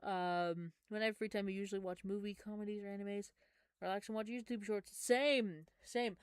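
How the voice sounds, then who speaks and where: A woman's voice: mid-range voice, steady tone, moderate pace, clean tone, no room sound, clean studio sound. A young woman chatting casually on a live stream, answering chat in a rambling way with lots of fillers.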